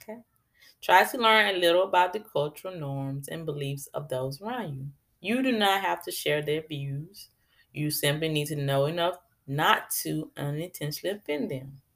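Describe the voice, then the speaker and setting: A woman giving casual advice on politeness, with a low-set voice and a gravelly fry running through it. She talks in a chatty, preachy way and often turns aside to address her listeners directly. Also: animated, normal speed, a bit bright. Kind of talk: casual talk on etiquette.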